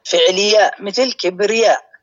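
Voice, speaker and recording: A man teaching a lesson on word patterns, who speaks slowly and repeats each pattern for his students. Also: high-pitched, fairly bright tone. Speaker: teacher of Arabic morphology. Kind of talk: live online lesson. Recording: muffled lo-fi audio.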